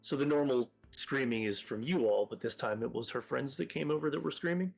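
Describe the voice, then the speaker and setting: A man's voice: mid-range voice, brisk, vocal fry, slightly rough, soft background music. A man playing a tabletop game, asking careful follow-up questions. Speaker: player. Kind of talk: casual game talk.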